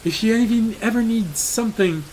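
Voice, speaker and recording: A man's voice: high-pitched, moderate pace, darkish tone, slight background noise, voice pushed up, close to an everyday voice, rough recording. A man doing an effusively grateful townsman. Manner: effusive, breathless thanks. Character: grateful rescued male townsman.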